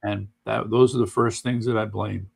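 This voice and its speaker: Man, gravelly, creaky, casual news chat host, unhurried, dry asides. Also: fairly low pitch, steady tone, a little mellow. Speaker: podcast host.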